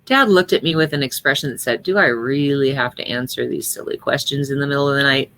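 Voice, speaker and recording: A middle-aged woman with a low, deep-set voice reads a heartfelt personal story aloud at a memorial gathering. She tells it earnestly, lightly acting out the other people's lines as she goes. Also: quick pace, a bit bright. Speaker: reader at a memorial service. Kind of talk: reading a personal story aloud, then reflecting.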